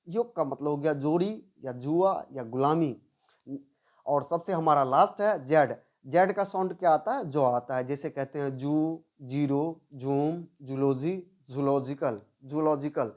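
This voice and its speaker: A woman teaching English pronunciation in a slow classroom style. She repeats each word several times and asks questions that she then answers herself. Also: deep voice, darkish tone. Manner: drills words by repeating them, asks and answers her own questions.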